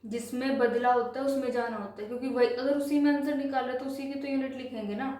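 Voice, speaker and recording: Woman, math teacher, patient, repetitive, slow when spelling out numbers, mellow, very echoey room. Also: sits high, steady tone. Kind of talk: classroom math lesson.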